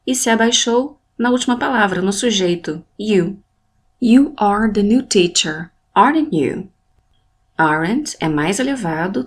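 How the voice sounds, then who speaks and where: A woman narrating an English lesson, speaking clearly and deliberately, modelling English phrases and then translating them. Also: fairly low pitch. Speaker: English teacher. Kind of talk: scripted language lesson narration.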